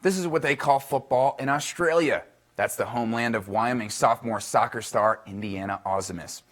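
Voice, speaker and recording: A man reading a scripted sports segment for a local news broadcast, in a brisk, upbeat newsreader delivery. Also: mid-range voice, fairly bright tone. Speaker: sports reporter.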